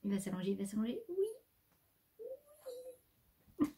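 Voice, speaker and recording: This French vlogger has a warm, mid-range voice with big pitch swings and a moderate pace. She casually rambles through her new craft supplies at home, stopping to chat with her pet, against slight background noise.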